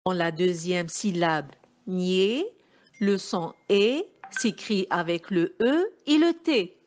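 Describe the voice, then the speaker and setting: A woman teacher with a Moroccan French accent giving a slow phonics lesson to young pupils, carefully articulating and repeating each sound. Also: on the low side, lively intonation, darkish tone, slight background noise. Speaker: primary school teacher.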